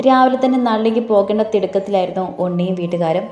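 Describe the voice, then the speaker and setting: A woman narrating a romantic audio story in a steady, soft manner. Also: medium pitch, racing. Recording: echoey room, soft music behind.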